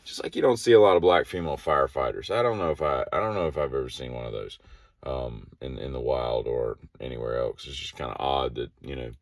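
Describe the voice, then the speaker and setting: A man's voice: extremely low pitch, fast, no echo, studio quality. A man telling a rambling everyday story in a daily vlog, full of fillers and acted-out quotes. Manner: rambling, many fillers, acts out quoted voices. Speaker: daily vlogger. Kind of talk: casual storytelling monologue.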